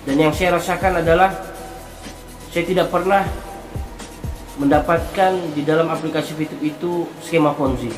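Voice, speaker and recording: A man explaining something to viewers in a monologue, speaking deliberately in halting phrases and repeating words for emphasis. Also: on the high side. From Indonesia. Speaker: online content creator. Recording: roomy echo with music behind. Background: music.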